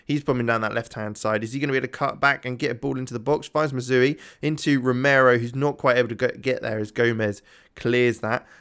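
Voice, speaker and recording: A gaming YouTuber gives casual let's-play commentary on his own game, rambling and chatting to himself, thinking aloud with lots of ums while tired and yawning. His mid-range voice is steady, quick, a bit bright and clean.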